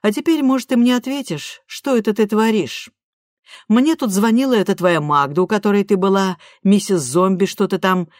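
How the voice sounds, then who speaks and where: A woman's voice: mid-range voice, moderate pace, dry recording, studio quality, voice pushed up, lightly acted. A woman voicing a worried, tearful middle-aged mother who scolds and frets, in an audiobook. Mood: reproachful. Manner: fretful, reproachful, tearful. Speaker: audiobook reader. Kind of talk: audiobook character voice.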